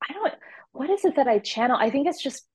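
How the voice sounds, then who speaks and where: A young adult woman, a cellist, talking in a casual interview with a rambling, animated manner, frequent fillers and laughter. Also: high-pitched, fast talker, no echo.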